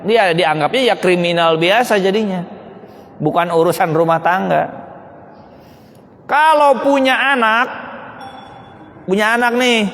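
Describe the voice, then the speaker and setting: A man's voice: high voice, slight background noise. A man giving a humorous public talk to an audience, full of rhetorical questions and jokes. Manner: animated, rhetorical questions, joking. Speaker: speaker addressing an audience. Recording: long hall reverb.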